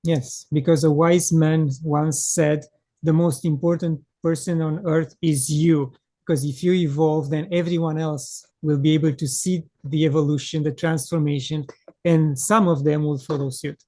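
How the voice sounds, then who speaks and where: A man hosting a podcast in English. His voice sits a little high for a man and sounds close and dry, with no room behind it. He talks in a measured, earnest way and pauses often to find his words. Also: fairly even intonation, dark tone, no echo. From Romania. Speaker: podcast host. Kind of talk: conversational interview.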